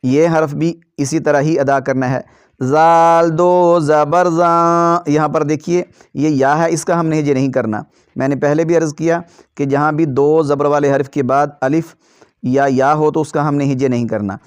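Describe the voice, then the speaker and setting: A male Quran teacher with a rather high, very clear voice, recorded dry and close. He chants letter drills slowly and explains quickly in between. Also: steady tone, darkish tone, dry recording. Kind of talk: slow drilled recitation lesson.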